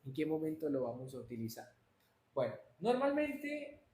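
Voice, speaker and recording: A man teaching an English class live online, answering students by name and switching between Spanish and English. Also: on the high side. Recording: roomy echo, faint noise.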